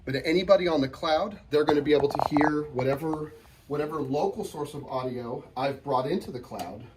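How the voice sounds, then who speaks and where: In a casual hands-on tech tutorial covering software and hardware, a man talks through the steps and frequently restates his points. His voice is a little high, with background noise present.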